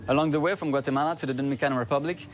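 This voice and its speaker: A man's voice: fairly high pitch, rapid-fire. A man presenting a documentary news program, giving a formal scripted sign-off from on location. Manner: steady, formal delivery. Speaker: reporter and presenter. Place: on location abroad. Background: guitar music.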